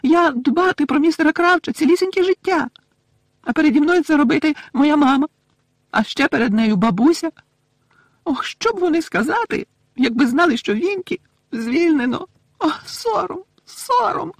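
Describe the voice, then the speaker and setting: A man voicing a weepy, loyal female house-elf who talks in a shrill voice with broken grammar in an audiobook. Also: expressive, normal speed, vocal fry, dry recording, exaggerated voice. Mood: scolding tearful.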